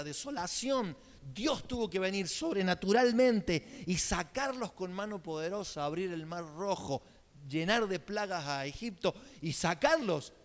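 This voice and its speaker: Man, Córdoba accent, pastor, conversational sermon, high voice, long church reverb. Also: a bit bright. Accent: Argentine, Córdoba. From Argentina. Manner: conversational preaching with frequent check-in questions. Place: church sanctuary.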